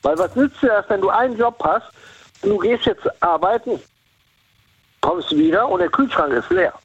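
Man, caller from Cologne, lively rising and falling pitch, dry muffled phone sound, rambling. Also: normal speed, slightly rough, dry recording. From Cologne, Germany. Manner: rambling, repeats himself. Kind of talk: casual phone-in chat.

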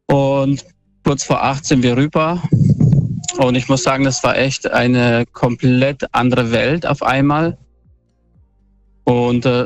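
A man calling in over a phone line, telling his story in a casual, hesitant way with many fillers and restarts. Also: mid-range voice. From northern Bavaria. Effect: phoned in over a dull, lo-fi phone line. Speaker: caller.

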